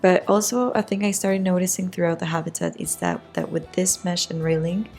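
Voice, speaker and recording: A woman with a raspy voice giving casual, hesitant voice-over commentary on a video game build, often rewording as she goes. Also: fairly low pitch, fairly even intonation, brisk, darkish tone. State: raspy voice today. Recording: music behind the voice. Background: background music.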